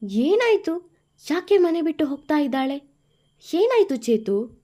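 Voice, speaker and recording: A woman voicing an anxious young woman who asks quick, worried questions. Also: high-pitched, big pitch swings, dark tone, pitched above the performer's own voice. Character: young woman, elder sister figure, anxious.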